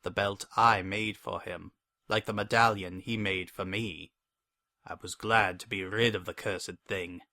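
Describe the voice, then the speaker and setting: Low-voiced man, hammy dramatic narration. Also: fairly even intonation, bright, forceful tone, no room sound. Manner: hammy, theatrical, deliberate. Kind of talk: dramatic scripted story narration.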